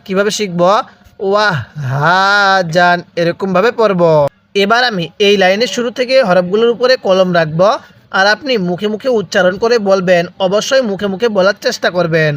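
This slow, spelled-out recitation lesson comes from a man whose accent is Bangladeshi Bengali. His voice is high and fairly bright as he teaches Quran reading, sounding out each letter and vowel mark separately so the listener can echo him.

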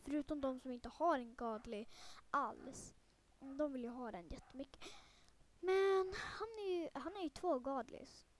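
Young female gamer, high voice, loose rambling play-by-play, lots of fillers, tips quickly into excited panic. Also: a little hiss or hum. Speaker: gaming video creator. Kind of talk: casual let's-play commentary.

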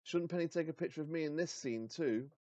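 A man's voice: on the high side, fairly quick, warm tone, dry recording, muffled recording, pitched above the performer's own voice, lightly acted. A man voicing a vain teenage boy actor who puts on a fake New York accent. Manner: self-absorbed, hissing.

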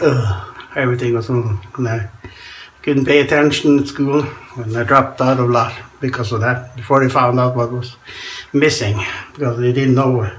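The recording is rough, with a little hiss or hum, as a Norwegian-accented shaving vlogger in his forties chats while he shaves in a small tiled bathroom. The camera sits close in front of him, catching his medium-pitched, fairly bright voice and frequent chuckles.

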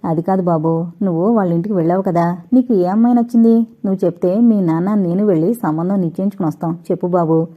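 A woman voicing a gentle, trusting middle-aged mother who coaxes softly, in an audiobook reading. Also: on the low side, fairly even intonation, quick pace, phone-quality sound, natural voice. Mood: coaxing.

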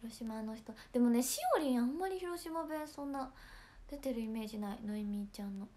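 A young woman from Hiroshima with a Hiroshima accent, chatting casually on a livestream and often dropping into soft whispers between giggles. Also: on the high side, fairly quick. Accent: Hiroshima Japanese. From Hiroshima, Japan. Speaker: idol livestream host.

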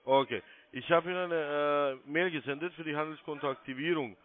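This thirty-something man, a call-centre agent, talks a little fast in a fairly high voice. He is formal and polite, going through instructions one step at a time and spelling things out, with narrow phone-line sound.

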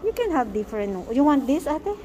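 A woman's voice: high voice, sing-song, a little fast, warm tone. A Filipino woman in her thirties with a Filipino accent, filming a casual family vlog and coaxing her kids along in English and Tagalog. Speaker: family vlogger mother. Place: indoor shopping mall. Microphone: handheld phone camera. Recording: noisy mall recording.

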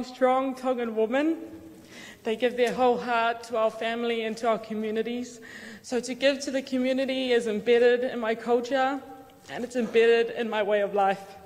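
Earnest woman's speech in a reverberant hall. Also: fairly high pitch. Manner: earnest, heartfelt. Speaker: award recipient. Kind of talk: acceptance speech. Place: large hall on stage.

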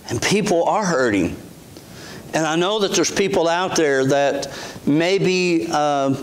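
A man's voice: on the high side, slight background noise. A middle-aged man, a pastor giving a sermon in a church sanctuary on a lapel mic, speaking earnestly in a conversational way with frequent restarts.

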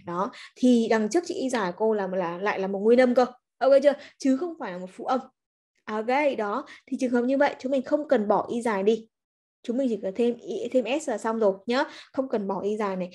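A woman's voice: on the high side, darkish tone. A woman English teacher, giving a chatty livestreamed grammar lesson and coaxing students with frequent check-ins. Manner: chatty, coaxing, peppers speech with "ok" and "nhá".

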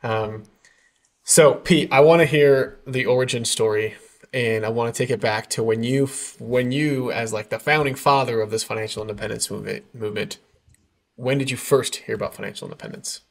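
A man's voice: medium pitch, a little fast, creaky. Chatty upbeat male podcast co-host. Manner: chatty and upbeat, many fillers. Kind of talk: casual podcast chat. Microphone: remote call.

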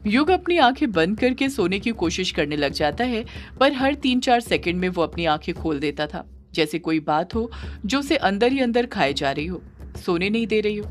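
A woman narrating a scripted audio story in a steady, measured way. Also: medium pitch, a little hiss or hum.

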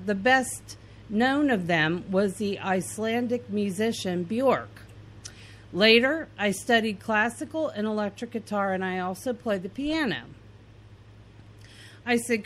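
A podcast host from Indiana reads both sides of an interview aloud, plainly and earnestly, with some fillers and restarts. Her voice is mid-range and a little bright.

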